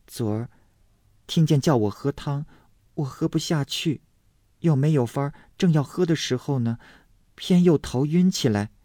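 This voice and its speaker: A man voicing a meek, sickly young maid who speaks in a soft, hushed, plaintive way. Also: fairly high pitch, unhurried, dry recording, clean studio sound, voice pushed up. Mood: timid.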